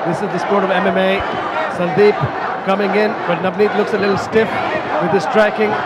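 A man's voice: high voice, little pitch movement, fairly quick, heavy background noise. A man calling a live mixed martial arts fight as play-by-play commentator. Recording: live arena broadcast, crowd and music behind.

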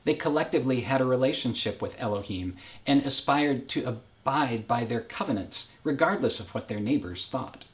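A man preaching a reflective, personal sermon in a measured way, as pastor of a faith community. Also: medium pitch, expressive.

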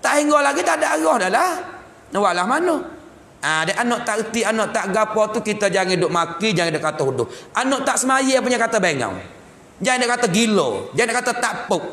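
A man with a Patani Malay accent teaching a religious text in a mosque, lively and joking as he acts out scenes of home life. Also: sits high, fairly quick. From southern Thailand. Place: mosque hall. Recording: echoey hall with long reverb.

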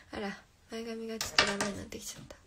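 A young woman with a mid-range voice hosts a casual phone livestream amid heavy background noise. She reads viewer comments aloud and answers playfully, often dropping to a whisper.

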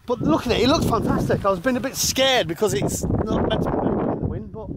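A man's voice: sits high, fairly quick. Chatty man in roaring wind. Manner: chatty, exclaiming, laughing asides. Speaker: hiking vlogger. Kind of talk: casual outdoor vlog chat. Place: windy open hilltop outdoors. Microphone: handheld camera at arm's length. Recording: loud wind buffeting the mic.

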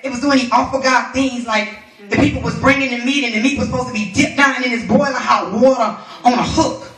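High, bright-voiced woman preaching. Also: fairly quick. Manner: animated, colloquial preaching with laughter and call-and-response. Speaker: minister. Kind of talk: sermon. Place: church. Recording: echoey room from far off.

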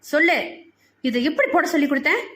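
A woman's voice: sits high, big pitch swings, brisk, fairly bright tone. A woman voicing a strict, short-tempered young mother in an audio novel, biting off her words sharply. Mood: scolding. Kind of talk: audiobook character voice.

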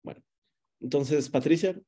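A man in his forties hosting an online journalism workshop from a room at home, speaking in a measured way with many hesitations. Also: fairly high pitch, mellow, slightly rough. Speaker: workshop moderator. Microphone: video call.

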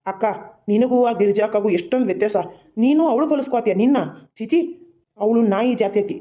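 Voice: mid-range voice, lo-fi sound, close to an everyday voice. Someone voicing a hot-headed young brother. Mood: affectionate. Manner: exasperated, blunt, quick-talking. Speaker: cartoon voice actor. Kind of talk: homemade cartoon drama dialogue.

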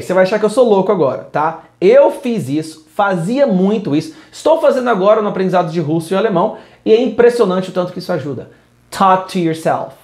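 A man's voice: sits high, darkish tone, echoey room. A man teaching an English lesson, moving between English and Portuguese in an upbeat, direct way. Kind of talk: video lesson.

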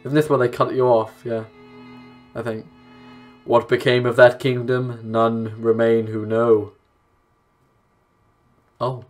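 A young adult man speaks in a mid-range, flat voice, slow and with frequent pauses, as he does casual let's play commentary, reading game text aloud with offhand asides. He's indoors in a small room at home, with plucked-guitar game music behind him.

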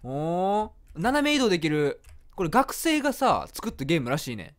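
A man's voice: sits high, wildly swooping pitch, normal speed. A man with a Kansai accent playing a game, narrating the story and joking at the screen as he plays. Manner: playful, reacts aloud and jokes at the screen. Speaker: game streamer. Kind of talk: let's play commentary with storybook narration.

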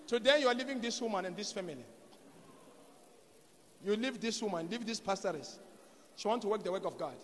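A young man leading a deliverance, firing insistent repeated questions and commanding shouts into a handheld mic. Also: sits high, brisk, pauses often. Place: large church hall. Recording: long hall reverb, faint background noise.

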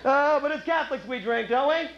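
A man's voice: very high-pitched, brisk, vocal fry. A male stand-up comedian in a chatty routine, teasing the crowd with rhetorical questions and laughing at his own jokes. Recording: echoey, muffled club recording with loud noise.

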